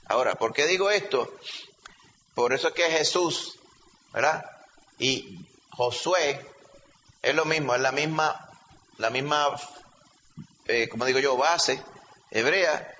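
Captured in a reverberant hall with slightly dull audio and a faint background hum, this male pastor teaches emphatically and keeps checking in with the congregation. He sits on the high side, bright and forceful, speaking at a measured pace with long pauses.

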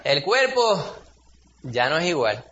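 A man's voice: on the high side, big pitch swings, slow, muffled recording, noisy background. A man, preaching a sermon in a conversational, storytelling way, acting out quotes in a raised voice. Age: 40s.

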